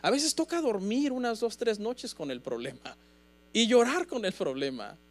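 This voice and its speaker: Pastor guy preaching to his church, earnest, keeps saying brother, high voice that swings all over. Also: sing-song, moderate pace. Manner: earnest, emphatic, keeps calling listeners "hermano". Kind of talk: sermon. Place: church congregation.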